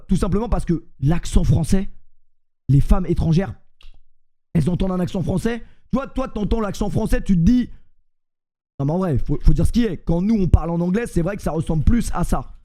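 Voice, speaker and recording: A man's voice: high voice, mellow. A young man with a French accent, chatting casually on a stream, joking, rambling and mocking himself.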